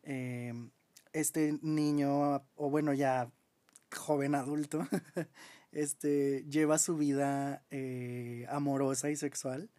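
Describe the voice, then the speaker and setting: A man's voice: medium pitch, level tone, slow, dark tone. Enthusiastic Mexican man chatting. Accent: Mexican Spanish. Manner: enthusiastic, full of fillers and laughter. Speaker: podcast co-host. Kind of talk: casual chat.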